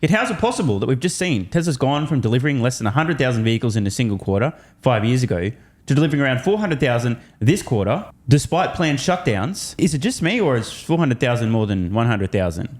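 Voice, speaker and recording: A man's voice: medium pitch, sing-song, fast. A man giving informal reaction commentary as a host, sarcastic and scornful, swearing freely and asking mocking rhetorical questions.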